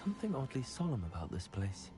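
An actor playing a calm, curious young wizard hero in a video game. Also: male voice, mid-range voice, fast. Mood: measured. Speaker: game protagonist. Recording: game audio with music underneath.

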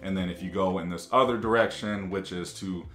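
Deep-voiced man chatting to camera. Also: a little fast, soft background music. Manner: animated, gestures a lot with both hands. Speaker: vlogger. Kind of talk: casual to-camera vlog chat. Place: home office, indoors.

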